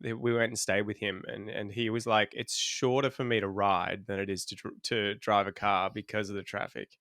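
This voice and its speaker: This podcast guest is a man in his thirties from Australia who teaches English, and he spins easygoing stories with frequent laughter. His low, creaky voice moves at a moderate pace. The recording is dry and studio quality.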